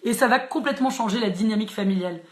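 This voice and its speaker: A woman's voice: fairly high pitch, rapid-fire. Chatty woman in an echoey room. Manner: chatty, frequent fillers and restarts, laughs easily. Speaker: librarian hosting a live book chat. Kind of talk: casual live-stream book talk. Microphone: phone or laptop live stream.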